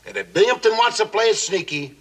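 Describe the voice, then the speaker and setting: An actor playing a breezy, commanding American navy skipper in a sitcom, scheming and easygoing, with slangy speech. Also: male voice, sits high, expressive, a little fast, fairly bright tone, poor audio. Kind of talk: 1960s TV sitcom acting.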